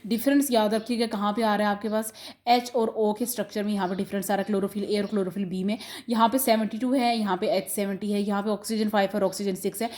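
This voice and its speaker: A woman's voice: medium pitch, steady tone, fast talker, darkish tone. A young woman with a Pakistani Urdu accent teaching biology in an exam-prep lecture, explaining terms and reading out English sentences.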